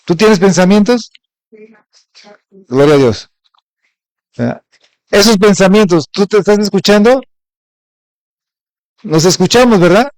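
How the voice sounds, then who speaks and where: High-voiced Mexican pastor preaching. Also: male voice, animated, a little slow, long pauses, no room sound, rough recording. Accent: Mexican Spanish. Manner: asks the congregation frequent rhetorical questions. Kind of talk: sermon.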